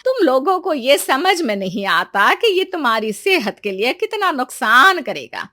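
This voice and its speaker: A woman uses a high-pitched, full character voice to play a nagging, sly older mother-in-law in an animated family comedy, stretching out her phrases reproachfully.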